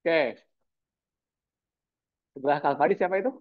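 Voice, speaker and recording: A man's voice: on the high side, moderate pace. A man lecturing a university class, prodding students with repeated teasing questions. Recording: tinny phone-like sound.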